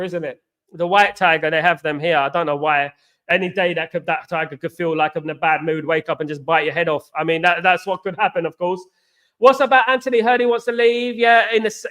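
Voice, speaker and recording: A high, fairly bright and clean voice belongs to this English livestream host. He keeps things loose and chatty, calling out viewers by name, reading their comments and repeatedly saying "absolutely" and "big up."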